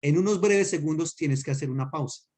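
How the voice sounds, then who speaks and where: Patient pastor teaching a class. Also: male voice, fairly high pitch, dark tone. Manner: patient, explains slowly with spoken examples and checks understanding. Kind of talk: teaching a class on Hebrew accents.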